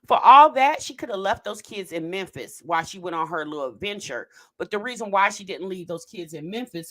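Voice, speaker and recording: A medium-pitched woman delivers casual reaction commentary on her channel, chatting with viewers face to face. She's animated throughout, lengthening words to make her points land.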